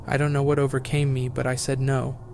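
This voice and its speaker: A man narrates horror stories in an almost completely level, droning delivery at a middling pitch. It is a scripted reading with no rise or fall in the telling. A steady hiss of background noise runs under the voice. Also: brisk, gravelly.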